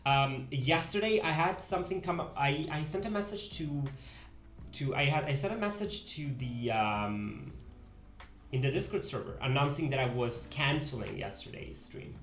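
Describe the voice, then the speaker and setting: Here the same kind of streamer, a twenties-aged Italian drawing pixel art at his home desk, speaks through a headset in a higher, animated, fairly bright voice at normal speed. The room is reverberant with a little hiss or hum. He talks casually and wanders off topic, fixing his sentences partway through and reading chat messages out loud.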